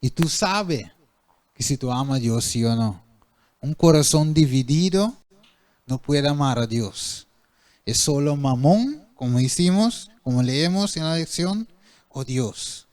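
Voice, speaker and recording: A man's voice: medium pitch, a little mellow. A male preacher giving a sermon who keeps asking the congregation questions and then answering them himself.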